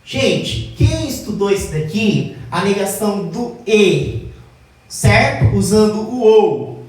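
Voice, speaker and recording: A woman's voice: medium pitch, lively intonation, darkish tone, faint music behind. Woman teacher talking from across a really echoey room, keeps asking the class if they got it. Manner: addresses class as "gente", checks with "tá?"; slows down to stress key words. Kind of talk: whiteboard logic lesson. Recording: very echoey room, mic far off.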